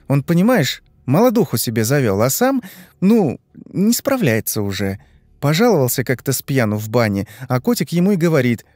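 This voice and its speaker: A man's voice: a little high, a little mellow, dry recording, clean studio sound, voice pushed up. A man voicing a chatty, gushing, gossipy young woman who talks in a fawning chirp. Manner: chirping, fast-flowing, fawning.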